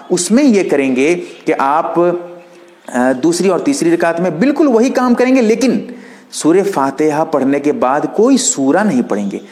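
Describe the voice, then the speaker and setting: A man with a slightly raised pitch teaches prayer step by step. He is patient and explanatory, demonstrating each movement while he talks it through. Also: a little mellow. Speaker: religious teacher.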